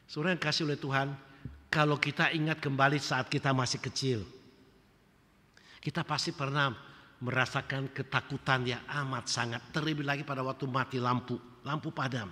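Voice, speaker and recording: A male pastor preaching a sermon, swinging between loud emphasis and quiet, low drops. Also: flat delivery, moderate pace. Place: church sanctuary. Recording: long church reverb.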